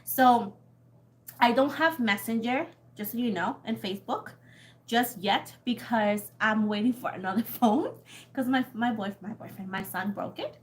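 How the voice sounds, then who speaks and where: Speaking a little slowly in a slightly high voice, a young tarot reader from Puerto Rico chats loosely with her livestream viewers in her Puerto Rican accent. She drifts from topic to topic, laughs a lot and swears offhandedly.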